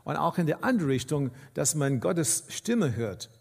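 A man with a high voice preaches to his congregation, halting and repeating himself as he restarts phrases. His words ring out into a long reverb, as if he stands in a large church hall. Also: very animated, gravelly. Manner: halting, repeats words, non-native German grammar. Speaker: pastor. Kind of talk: sermon.

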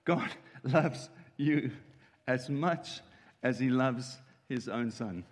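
A man's voice: mid-range voice, extremely slow. A man, preaching earnestly in short emphatic lines that an interpreter follows. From South Africa. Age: 50s. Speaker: guest preacher. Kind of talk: sermon with live interpreter. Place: church hall. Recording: long church hall reverb.

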